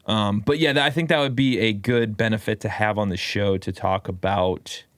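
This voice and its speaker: A man co-hosting a podcast in casual chat, halting and repeating words as he thinks. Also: on the low side, steady tone, dry recording. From United States. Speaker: podcast co-host.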